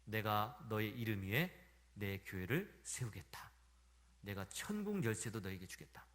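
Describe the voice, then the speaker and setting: A man playing Jesus while retelling a story in a sermon, with solemn, commanding pronouncements and a low voice. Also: expressive, moderate pace, a bit bright. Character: Jesus, a male teacher speaking with authority. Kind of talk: sermon retelling with quoted speech.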